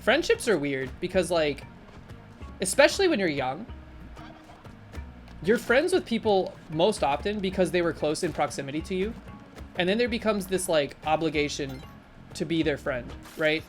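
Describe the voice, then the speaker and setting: A woman live-streaming, chatting casually with her viewers in a rambling, animated way full of fillers. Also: normal speed, pauses often, soft background music. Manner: animated, with sudden jumps in pitch. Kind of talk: casual live-stream chat while gaming and reading chat.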